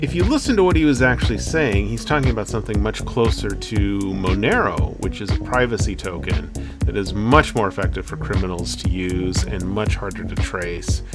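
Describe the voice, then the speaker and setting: A man hosting an economics channel, explaining in a chatty, energetic way with a few fillers. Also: fairly low pitch, moderate pace, loud music behind the voice. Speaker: channel host. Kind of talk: casual commentary to camera.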